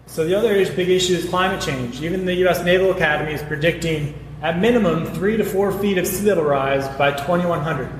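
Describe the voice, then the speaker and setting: Earnest man speaking in an echoey hall. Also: high voice. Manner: earnest, fast, with restarts. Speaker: city council candidate. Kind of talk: debate speech. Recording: echoey hall with faint noise.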